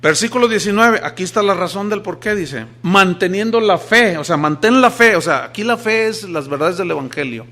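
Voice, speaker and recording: Older male pastor in mid-sermon, somewhat high-pitched, dramatic, jumps from forceful emphasis to hushed asides. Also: a little fast, few pauses. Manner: lively preacher, shifts between loud emphasis and quiet asides, acts out quoted voices.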